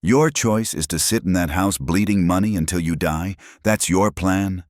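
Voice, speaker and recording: A man's voice: low voice, moderate pace, no room sound, voice pushed up, close to an everyday voice. A man voicing a pushy, resentful grown daughter who pressures her father, in a dry close recording. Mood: pushy, upset. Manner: insistent, pressuring.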